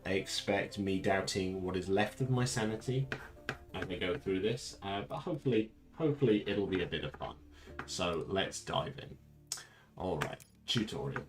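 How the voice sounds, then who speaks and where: Male streamer: low, lively, chatty and self-mocking casual commentary. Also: normal speed, over music. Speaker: gaming streamer. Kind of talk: casual commentary while playing.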